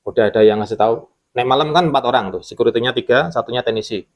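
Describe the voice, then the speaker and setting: Speaking fast at a medium pitch, this man comes through on a muffled recording. Once a security guard, he recounts a ghost story in a relaxed podcast conversation, lively as he performs his coworkers' lines.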